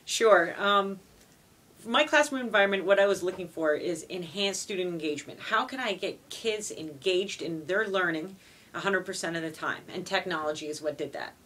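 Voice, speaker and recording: Speaking at a normal pace, she has a lowish, fairly bright voice. She is a foreign language teacher from Montreal whose native tongue is French, giving earnest interview answers peppered with "you know."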